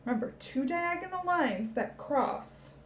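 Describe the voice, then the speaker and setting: High-pitched lady teaching little kids the alphabet, slow and cheery. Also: lively intonation, a little hiss or hum. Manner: cheerful, encouraging, speaks to children. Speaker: children's teacher. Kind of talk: children's educational lesson.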